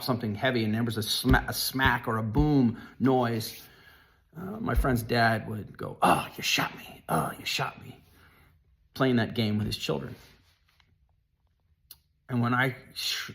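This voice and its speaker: A man telling a personal story in an earnest, halting way, often restarting his sentences. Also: on the low side.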